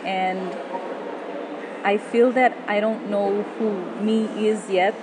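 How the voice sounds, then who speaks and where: A woman's voice: medium pitch, steady tone, slow pace. Woman, spoken word, noisy background. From Papua New Guinea. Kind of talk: spoken-word poetry and personal reflection.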